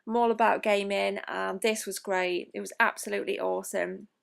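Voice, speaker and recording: A woman's voice: medium pitch, fairly even intonation, normal speed, creaky. Chatty young woman vlogging. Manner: chatty and enthusiastic, with frequent ums and mild swearing. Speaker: gaming vlogger. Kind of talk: casual vlog narration.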